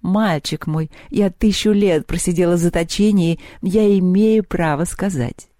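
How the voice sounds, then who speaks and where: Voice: medium pitch, normal speed, dark tone, no echo, clean studio sound, close to an everyday voice. Чтец изображает насмешливую древнюю злодейку, язвительную и хитрую, мягкий тембр. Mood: mocking. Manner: mocking, giggling, sarcastic. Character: scheming ancient female villain Koschei.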